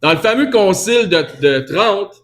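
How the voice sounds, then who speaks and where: A man with a Québécois accent gives a teaching sermon in a fairly high voice. He talks conversationally, restarting and correcting his phrases as he goes, and stops to answer questions from the congregation. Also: lively intonation, moderate pace, fairly bright tone. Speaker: preacher.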